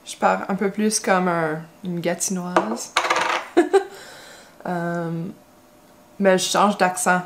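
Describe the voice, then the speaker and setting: Doing her makeup while chatting casually, this English-speaking Quebec woman talks slowly in a fairly low voice with fairly even intonation. She's a beauty vlogger whose hesitant, rambling speech is full of fillers, restarts and long pauses, with a little hiss or hum audible.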